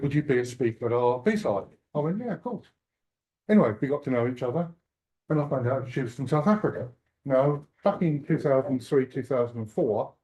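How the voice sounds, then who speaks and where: Speaking in a conference hall, a sixty-something man from England delivers a humorous keynote full of self-deprecating, chatty jokes. His voice is medium-pitched with a dark tone, and the audio quality is poor.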